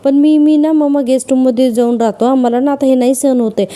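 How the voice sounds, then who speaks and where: Woman voicing an anguished young man, tearful apologies, mellow low-toned voice. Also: steady tone, fast talker, natural voice. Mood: distraught. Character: distraught young man, grieving a lost love.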